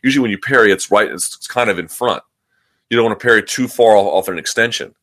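A man's voice: lowish voice, fast, fairly bright tone. A man giving casual, opinionated sports commentary as a talk host, often repeating and restarting his words and phrases.

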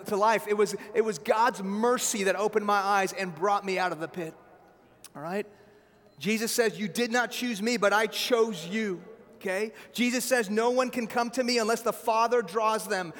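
A man delivers a sermon in a high-pitched voice, pressing each point with direct asides to his listeners. His voice rings out with long reverb, as if in a large hall. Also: a bit bright. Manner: emphatic, addresses listeners directly with repeated asides. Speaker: preacher.

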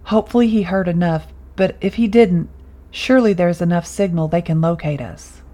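A woman voicing a take-charge young woman caver who gives steady, commanding orders in a story reading. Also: on the low side, moderate pace, lightly acted. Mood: reassuring.

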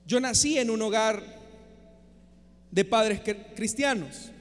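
A man preaches an impassioned sermon and presses his listeners with rhetorical questions. His voice sits very high, and he swings from loud to soft. Long reverb fills the church around him. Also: slow.

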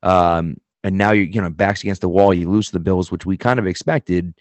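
A man's voice: deep voice, fairly even intonation, fairly quick, no echo. A man with a mild Boston accent giving casual sports analysis as a podcast guest.

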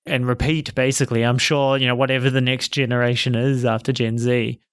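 A man's voice: medium pitch, little pitch movement, a little fast, no room sound. A man hosting a casual conversation, agreeing and adding light joking remarks.

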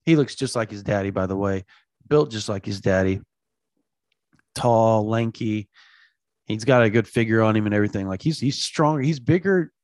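Animated man chatting about recruiting. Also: fairly low pitch, normal speed, dry recording. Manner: animated, rambling, repeats himself for emphasis. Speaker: college football recruiting reporter. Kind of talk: sports talk, casual chat.

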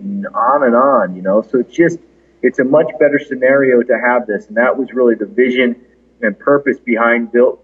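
A man talks in a casual, conversational way from a big, echoey conference hall. He sits away from the microphone, and the narrow, phone-like line leaves his words a little husky and unclear. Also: medium pitch. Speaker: clinic founder being interviewed. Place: large echoey conference room, indoors. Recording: echoey big conference room, band-limited, distant.

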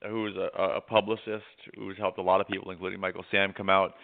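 An American man co-hosting a casual talk show, halting at times and repeating words for emphasis. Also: deep voice, little pitch movement, creaky. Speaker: co-host, journalist. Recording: tinny phone-like line.

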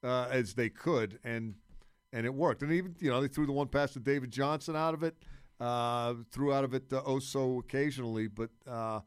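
Man, sports radio commentator, casual analysis, halting repetitions, medium pitch, close dry sound. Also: clear, resonant tone, no room sound. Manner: halting, repeating words as he works out points.

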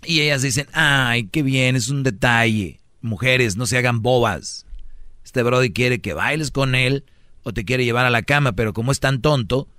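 A man's voice: mid-range voice, moderate pace, sharp tone, no room sound. Mexican radio guy preaching dating advice, brash and joking, dry close mic. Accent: Mexican Spanish. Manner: brash, preachy, mimics voices for jokes. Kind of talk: comic radio monologue.

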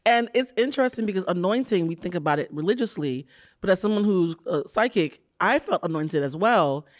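Quick, high-voiced chatty male host. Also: no room sound, studio quality. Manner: expressive, gushing, laughs often. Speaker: podcast host. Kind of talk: casual interview chat.

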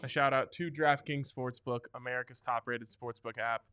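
A man's voice: mid-range voice, steady tone, normal speed, pushed and bright, slight background noise. A man hosting a sports betting show in a casual, conversational style.

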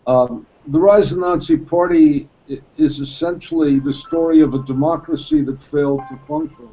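Measured man with a mellow voice. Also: a little high, steady tone, slightly rough, muffled recording. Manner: dry humor, measured. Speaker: historian guest. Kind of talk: panel discussion.

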